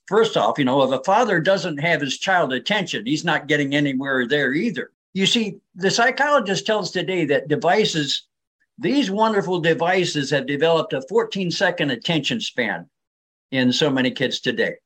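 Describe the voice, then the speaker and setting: A man's voice: fairly high pitch, animated, moderate pace, fairly bright tone, husky. An older man speaking as an interview guest, explaining things in an earnest, persuasive way. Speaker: interview guest, reading advocate.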